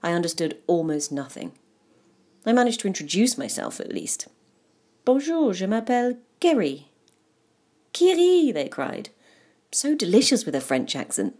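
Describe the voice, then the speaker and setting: A woman's voice: low-pitched, a little mellow. A woman narrating a personal memoir in a wry, self-deprecating way. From England.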